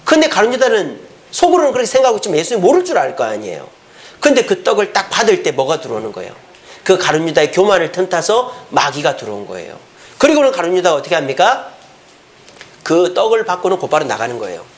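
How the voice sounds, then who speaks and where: A male pastor preaching a Sunday sermon, animated and often putting questions to the congregation. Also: sits high, quick pace.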